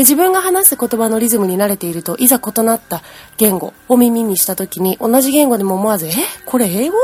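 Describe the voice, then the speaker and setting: A woman's voice: mid-range voice, dark tone, breathy edge. A woman teaching English pronunciation in a chatty, explanatory way, humming out speech rhythms. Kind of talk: language lesson.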